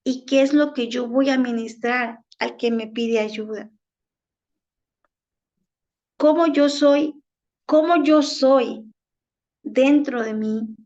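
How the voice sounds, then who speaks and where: High-voiced Ecuadorian woman preaching slowly. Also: darkish tone. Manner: deliberate preaching with rhetorical questions. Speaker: minister. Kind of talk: sermon. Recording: dull lo-fi recording.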